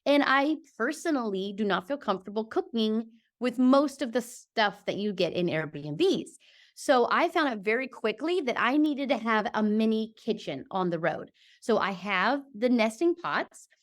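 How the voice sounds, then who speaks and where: A woman with a high voice, a guest on a video call, explains her points in a lively, emphatic way. She keeps checking in with "okay?" as she talks, and her tone stays casual and chatty. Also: normal speed. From Georgia, US. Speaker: podcast guest. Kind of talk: casual interview chat.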